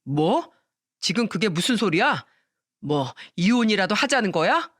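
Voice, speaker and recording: A woman's voice: medium pitch, big pitch swings, unhurried, a bit bright, no echo, studio quality. A woman voicing a stingy, money-obsessed middle-aged husband who talks in a curt, dismissive way. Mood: scornful.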